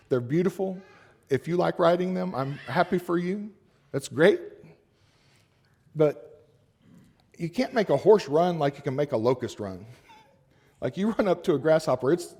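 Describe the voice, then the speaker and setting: A man's voice: a little high, warm tone. A man preaching a sermon, reading scripture and retelling it in plain, joking everyday speech with chuckles between verses. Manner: casual, joking asides with laughs.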